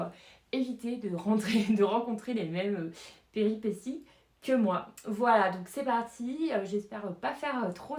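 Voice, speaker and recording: Woman vlogger, casual and hesitant, mid-pitched voice, roomy echo. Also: darkish tone. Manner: chatty, hesitant, many fillers and little laughs. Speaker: knitting vlogger. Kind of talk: casual knitting pattern review.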